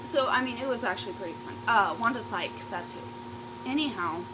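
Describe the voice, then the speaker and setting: Eating as she talks, a female YouTube vlogger rambles through a sweary, casual storytime, frequently cutting herself off or letting sentences trail away. Her voice is a little high, animated and fairly quick, over a noisy background.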